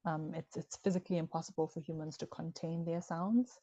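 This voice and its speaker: Speaking in a low, mellow voice with little pitch movement, a Ghanaian woman who grew up speaking Ewe explains her work as an author in a relaxed interview. She is measured and thinks aloud, and the lo-fi audio sounds dull, dry and close, without any room sound.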